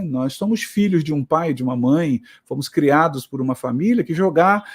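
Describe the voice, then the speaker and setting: A man's voice: on the high side, darkish tone. Conversational Brazilian male lecturer. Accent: Brazilian Portuguese. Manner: conversational, frequent tag questions, reflective. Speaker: lecturer speaking to teachers. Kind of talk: motivational lecture.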